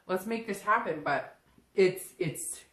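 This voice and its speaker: A woman with a medium-pitched, slightly bright voice takes her time hosting a casual tarot reading straight to the listener. Unscripted and conversational, she often slips into imagined quotes in the first person. The recording has an echoing, roomy sound.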